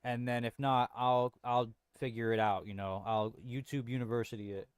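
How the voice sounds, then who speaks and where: A young livestream host rambles casually to viewers from home, often restarting sentences, leaning on slang, and repeating "bro." He speaks at a medium pitch and normal speed with fairly even intonation and a clean tone, recorded dry in clean studio sound.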